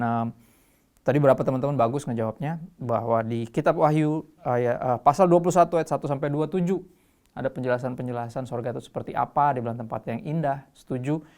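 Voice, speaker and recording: Easygoing man teaching scripture. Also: medium pitch. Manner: relaxed, conversational, explains scripture verse by verse. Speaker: host. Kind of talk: casual Bible teaching.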